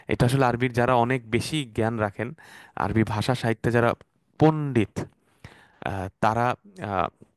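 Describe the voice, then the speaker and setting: A man's voice: mid-range voice, no room sound, clean studio sound. Patient male Arabic teacher. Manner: patient, repeats words slowly, mixes English terms. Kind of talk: explanatory online class.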